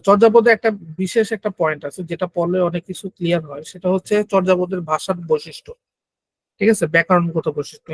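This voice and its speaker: High-voiced man teaching a lecture. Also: no echo, rough recording. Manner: explains step by step, keeps checking in. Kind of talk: exam-prep lecture.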